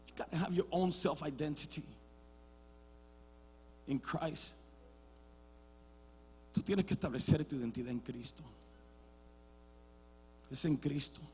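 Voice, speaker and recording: A man preaching a sermon as a pastor, switching between Spanish and English, restarting words often and swinging from quiet talk to loud shouting. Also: on the high side, takes it slowly, pauses often, slightly rough, long reverb tail. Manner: builds to loud shouted passages, then drops to quiet. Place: church sanctuary.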